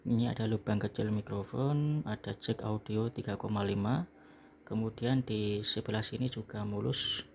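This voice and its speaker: Low creaky Indonesian man in a small room. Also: steady tone, normal speed, darkish tone, slight background noise. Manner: explanatory, repeatedly ends phrases with "ya". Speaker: online phone seller. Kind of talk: casual product packing and review narration.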